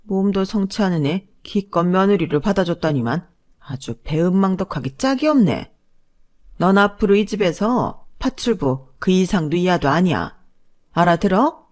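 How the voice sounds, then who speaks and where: A woman's voice: fairly low pitch, lively intonation, moderate pace, close to an everyday voice. A woman voicing a domineering older mother-in-law who scolds with contempt. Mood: scornful.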